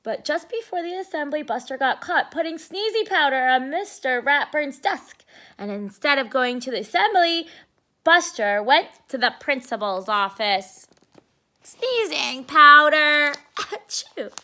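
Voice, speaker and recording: With a high-sitting voice at a normal speed, a woman gives an expressive storybook reading for preschoolers. She keeps her explanations simple for the young audience.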